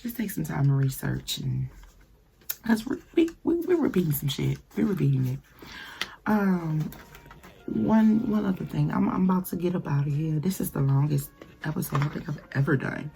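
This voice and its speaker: A woman hosting a casual solo podcast, telling a story bluntly, with lots of profanity and animated asides. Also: deep voice, moderate pace, vocal fry. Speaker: podcast host. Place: lives in Burbank, California.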